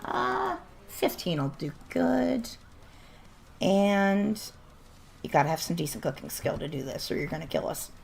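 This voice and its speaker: A woman's voice: mid-range voice, big pitch swings, measured pace, gravelly, a little mellow, slight background noise. A woman chatting casually and bluntly while streaming a game, laughing often and starting to lose her voice. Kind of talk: casual livestream chat while gaming.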